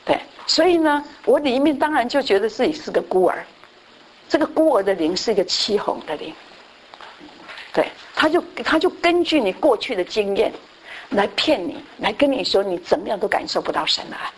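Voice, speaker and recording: A woman pastor giving a conversational Bible class. She repeats her phrases and often fills her pauses with a short affirming word. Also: on the high side, sing-song, low-quality recording.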